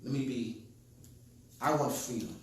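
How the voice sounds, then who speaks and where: Slow, emphatic man in an echoey room. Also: mid-range voice, fairly even intonation. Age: 50s. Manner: emphatic and repetitive, stressing key phrases. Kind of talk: personal storytelling in conversation. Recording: echoey room, distant mic, faint background noise.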